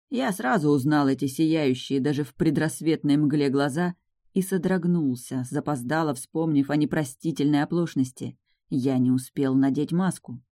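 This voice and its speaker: An audiobook narrator reads a first-person fantasy tale in a steady, gently ironic manner. The voice sits at a middle pitch. The recording is close and dry, with no room sound. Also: no echo.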